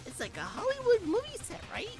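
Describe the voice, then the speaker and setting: A streamer voicing a gleeful, mischievous cartoon bear headmaster in a squeaky, sing-song, bossy way while playing a game. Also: huge pitch swings, fairly quick, over music, heavily acted.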